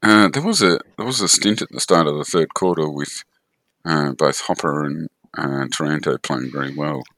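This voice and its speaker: An Australian man co-hosting a casual sports discussion on an online call, measured and hesitant as he searches for words. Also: a bass voice, a bit bright, no echo. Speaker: sports podcast co-host. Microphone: online call microphone.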